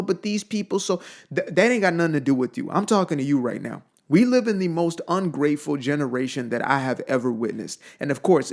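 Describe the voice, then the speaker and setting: A young man from Zimbabwe giving an emphatic, blunt motivational monologue, repeating phrases for weight. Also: fairly high pitch. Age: young adult. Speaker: motivational speaker.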